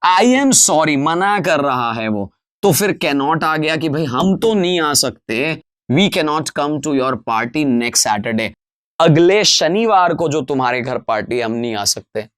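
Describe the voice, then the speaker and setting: A man teaching English grammar in an online lecture, explaining in Hindi, slowing down to read English examples, and addressing his viewers as friends. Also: fairly high pitch, lively intonation, a bit bright, clean tone, no room sound, studio quality.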